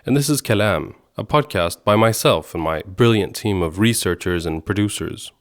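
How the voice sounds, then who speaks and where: Introducing his podcast like a radio journalist, a man with a low voice reads scripted narration in a measured, articulate yet animated way. He's Swedish and grew up in Egypt and Jordan.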